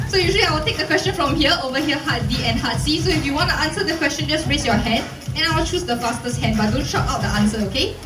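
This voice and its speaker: A woman's voice: sits high, far from the mic. A cheery, playful woman with a Singaporean accent, presenting a live zookeeper talk to an audience and coaxing them to join in. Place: open-air covered viewing stand at zoo. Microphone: handheld PA mic, filmed from audience. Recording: echoey PA speakers, recorded from afar, music behind.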